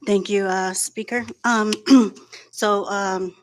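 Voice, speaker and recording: A woman legislator from the Northern Mariana Islands with a Chamorro English accent, giving a halting floor speech that mixes Chamorro and English. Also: medium pitch, steady tone, slight background noise.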